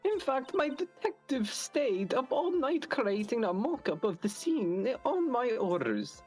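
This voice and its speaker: A woman's voice: fairly high pitch, big pitch swings, a little slow, darkish tone, breathy edge, faint music behind, heavily acted. A woman voicing a haughty, arrogant young female prosecutor, speaking in an imperious and mocking way while reading a game aloud with voices.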